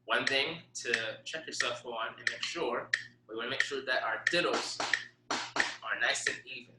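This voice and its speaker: A man's voice: medium pitch, a little slow. Man counting out drum rhythms. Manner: counts and vocalizes rhythms aloud. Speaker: drum teacher. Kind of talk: drum lesson with counting aloud. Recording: echoey room with loud noise. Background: metronome clicks.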